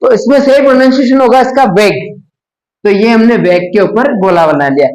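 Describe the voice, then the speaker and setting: A man teaching a phonics lesson, explaining step by step and slowly sounding out letters and words. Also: very high voice, darkish tone, roomy sound, low-quality recording.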